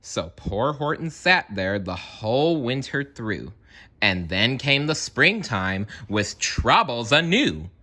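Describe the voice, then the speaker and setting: A man narrates a children's story in a very bright, forceful voice. His pitch moves animatedly, and he takes his time over phrases in a theatrical, deliberate way. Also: very animated. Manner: theatrical, deliberate, with playful asides. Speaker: storyteller reading aloud to children.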